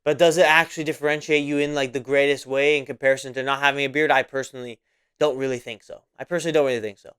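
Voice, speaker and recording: A man around twenty hosts a casual solo podcast, rambling, repeating himself, and using lots of fillers. His voice is medium in pitch, steady, very fast, a bit bright, clear and resonant.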